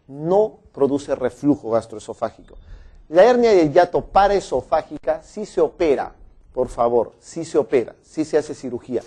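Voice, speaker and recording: A man giving a medical exam-prep lecture, brisk and chatty, quizzing students and teasing them. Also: a little high, warm tone.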